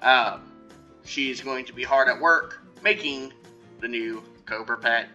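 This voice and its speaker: A man hosting a gaming video, talking in a relaxed way with plenty of fillers. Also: mid-range voice, a little slow. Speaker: host of a gaming channel. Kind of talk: casual gameplay chat. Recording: dull lo-fi sound, faint music.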